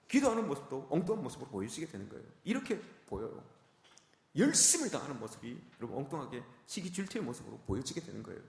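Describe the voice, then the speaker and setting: Male pastor, emphatic sermon delivery, quick and animated, in an echoey sanctuary. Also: on the high side, gravelly. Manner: emphatic, repetitive preaching, addressing the congregation often.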